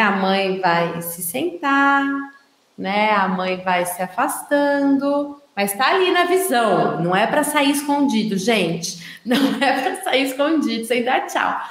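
A woman with a Brazilian Portuguese accent giving casual, chatty advice to parents, often checking in with her listeners. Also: high-pitched. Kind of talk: casual explanatory advice talk. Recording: roomy echo.

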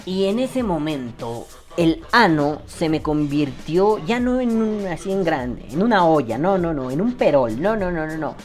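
Animated sarcastic Mexican man. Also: on the high side, a little slow, few pauses, soft background music. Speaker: vaping commentary host. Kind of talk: casual critique commentary. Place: at his desk on camera.

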